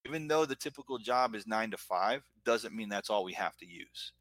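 A fairly low, expressive voice with a bit of brightness belongs to a middle-aged guest from Florida, an entrepreneur and business owner with an American accent. He speaks at a moderate pace, earnestly and at length about himself in a casual, reflective chat. No echo is present.

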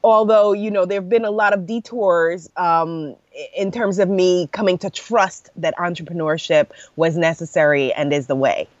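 A woman's voice: on the low side, fairly even intonation, normal speed, no echo, dull audio. A woman in her thirties from New York, a podcast guest telling stories in a casual conversation, laughing easily and often saying "you know". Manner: warm storytelling with frequent laughs and "you know".

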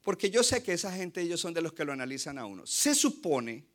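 A man delivers a passionate sermon from the pulpit, his voice sitting a little high for a man. He slips English phrases into his preaching. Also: sing-song, brisk. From Colombia. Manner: impassioned, mixes in English phrases. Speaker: pastor.

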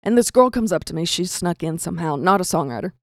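Young woman doing stand-up storytelling, self-deprecating, acts out voices, very expressive. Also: fairly low pitch, quick pace, no room sound, studio quality. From rural American South. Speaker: comedian storyteller. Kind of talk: comedic storytelling.

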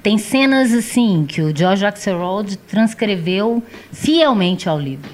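A woman's voice: mid-range voice, animated, takes it slowly, a little mellow. A woman co-hosting a casual film talk, reflective and musing, often ending thoughts with a questioning tag. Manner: reflective, trailing, often ends with "né?". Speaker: co-host discussing films.

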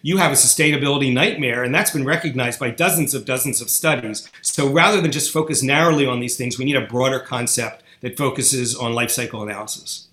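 Interview guest, male, blunt and argumentative, bright tone, roomy echo. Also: medium pitch, fairly quick, few pauses. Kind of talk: interview answers. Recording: echoey room.

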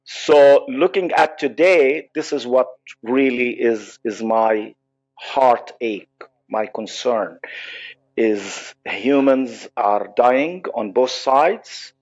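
A man's voice: medium pitch, a little mellow. Earnest Palestinian-accented man, lo-fi audio. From Israel. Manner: earnest, halting, many restarts. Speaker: psychologist guest. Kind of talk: podcast interview.

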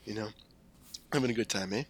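A man's voice: fairly low pitch, quick pace, slight background noise. A young man co-hosting a podcast, chatting casually late at night in a joking, slangy way. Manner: laid-back, joking, slangy. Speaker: podcast co-host.

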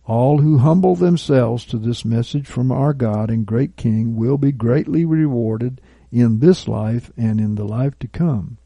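A man preaching a sermon, deliberate and measured, reading scripture aloud and dropping to quiet asides. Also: mid-range voice, vocal fry, dry recording. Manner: reads scripture and prophecy aloud. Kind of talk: recorded sermon teaching.

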